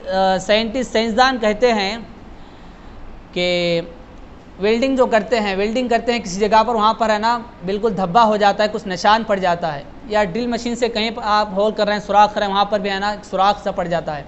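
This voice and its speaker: A man with a high voice teaches Quran recitation in a patient classroom manner, often tagging his sentences with a question. He models each phrase slowly for his students. The recording sounds dull and lo-fi, with a faint hiss behind him. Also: fairly even intonation. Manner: explains patiently, often adds "hai na", slows down to model recitation line by line.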